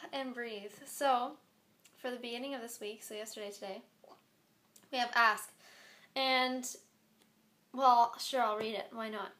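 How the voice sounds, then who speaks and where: Lady reading angel cards on her phone, high voice, chatty, laughs a lot. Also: steady tone, measured pace, pauses often. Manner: chatty, laughing often, warm spiritual encouragement. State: hiccuping. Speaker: angel card reader. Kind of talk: casual spiritual card reading to camera.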